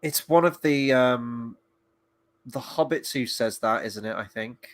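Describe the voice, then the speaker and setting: A man co-hosting a casual podcast chat, guessing quotes in an animated, jokey way. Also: medium pitch, a little slow, no echo. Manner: animated, jokey, slips into mock voices.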